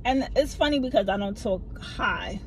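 Lively and gesturing, a middle-aged vlogger from a Southern American family tells a story to the phone camera mounted in front of her in a parked car. She talks at normal speed in a low voice some find hard to hear, with background noise around her.

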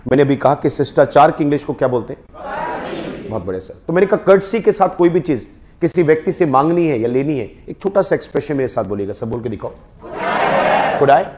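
A man's voice: fairly high pitch, expressive, quick pace, noisy background. A man with an Indian accent teaching a spoken English class, prompting students to repeat words after him.

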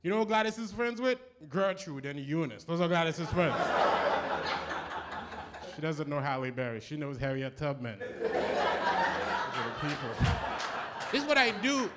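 Lively high-voiced Haitian comic. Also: male voice. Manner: punchy, wry joke delivery. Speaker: stand-up comedian. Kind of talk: live stand-up set. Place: live comedy show stage.

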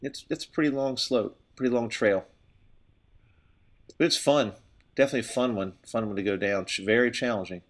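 A man's voice: medium pitch, fairly quick, long pauses. A middle-aged man, out of breath, giving stop-and-start commentary while skiing outdoors, recorded on a helmet camera. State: winded from exertion. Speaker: skier filming with a helmet camera. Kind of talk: casual narration while skiing. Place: outdoors on a steep ski slope. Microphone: helmet-mounted camera.

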